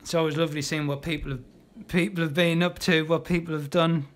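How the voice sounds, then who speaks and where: Guy teaching a live draw-along, highish voice, chatty, lots of ums. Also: steady tone, brisk. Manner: chatty and encouraging, talks while painting, many ums and restarts. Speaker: illustrator teaching a live art class.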